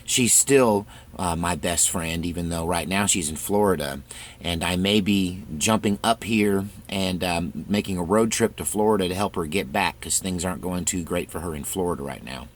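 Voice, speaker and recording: A man's voice: low-pitched, normal speed, a little hiss or hum. A man hosting his own channel, talking through a casual, rambling monologue with frequent restarts. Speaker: channel host.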